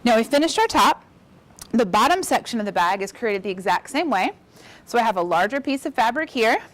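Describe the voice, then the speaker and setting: A woman's voice: on the high side, lively intonation, brisk. A woman giving an upbeat, chatty embroidery demonstration, encouraging viewers as she works. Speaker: embroidery instructor. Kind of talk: casual demonstration.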